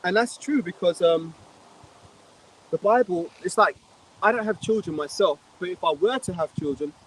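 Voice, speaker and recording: A man's voice: high-pitched, moderate pace, poor audio. A man with a London accent, preaching outdoors and telling a long anecdote, blunt and profane. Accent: London English. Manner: blunt, profane, rambling storyteller. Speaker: street preacher. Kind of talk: outdoor religious talk, anecdote. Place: outdoors in a city street.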